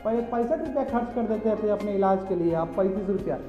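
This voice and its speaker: A man's voice: high-pitched, a little fast, mellow, faint music behind. Chatty male teacher, echoey classroom. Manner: chatty, addresses students directly, mixes English terms. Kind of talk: classroom lecture. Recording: echoey classroom, slightly dull.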